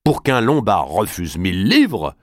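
A man's voice: on the low side, huge pitch swings, measured pace, no echo, studio quality. A man reading an audiobook and voicing a grand, imperious nobleman who speaks in a declamatory, commanding way.

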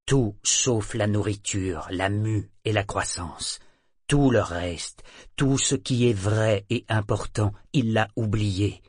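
A man voicing an ancient male sea serpent leader who speaks softly and gravely, without emotion. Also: no room sound, clean studio sound. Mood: ominous. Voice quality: husky, low and unhurried. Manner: soft, emotionless, slow and grave. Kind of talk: audiobook character voice.

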